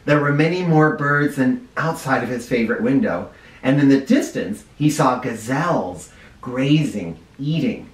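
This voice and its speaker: Speaking in a mid-range voice, a first grade teacher brings a storybook to life for children with lively, up-and-down intonation. Now and then he stops to explain a word, and the sound is roomy and slightly far from the mic.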